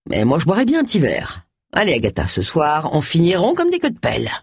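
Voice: mid-range voice, wildly swooping pitch, brisk, breathy edge, no room sound, clean studio sound, heavily acted. An audiobook narrator voicing an easygoing, hearty male coworker. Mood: jovial.

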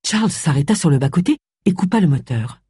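Un narrateur lit un roman policier avec une narration expressive. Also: mid-range voice, a little fast, slightly rough, no room sound, studio quality. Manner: expressive storytelling. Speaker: audiobook narrator. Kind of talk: scripted narration.

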